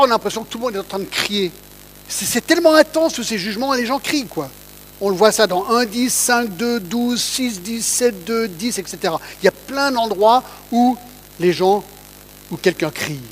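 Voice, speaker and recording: A man's voice: extremely high pitch, a little hiss or hum, poor audio. A man giving a conversational Bible teaching, reading verses aloud and often checking in with his listeners. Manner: asks listeners to check in, reads scripture aloud.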